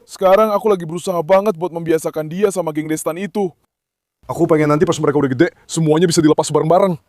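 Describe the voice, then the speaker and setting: A man's voice: fairly high pitch, steady tone, quick pace, a little mellow, no room sound, clean studio sound. A man hosting a farm vlog, speaking affectionately to his dogs and calling out repeated commands to them. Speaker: dog breeder and farm owner. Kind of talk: casual vlog narration.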